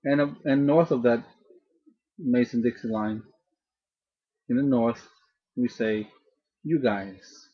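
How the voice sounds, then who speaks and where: A man teaching a grammar lesson slowly and patiently, often repeating and restarting his phrases. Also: mid-range voice, breathy edge. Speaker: language teacher. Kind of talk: slow, deliberate grammar lesson. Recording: dull lo-fi recording.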